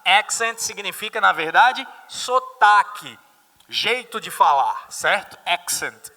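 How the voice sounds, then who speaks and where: Brazilian man, English teacher at a live class, high and very bright voice, reverberant hall. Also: very animated, slow. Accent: Brazilian Portuguese. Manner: mixes English phrases into Portuguese explanation, asks students questions. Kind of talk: live exam-prep class.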